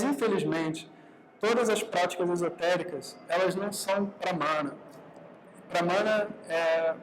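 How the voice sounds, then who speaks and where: A man's voice: sits high, a little hiss or hum, poor audio. A man teaching a live meditation workshop in a conversational way, often checking in with the audience and acting out short exchanges. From Brazil. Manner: conversational, often adds tag questions to the audience; acts out quoted dialogue in his own talk.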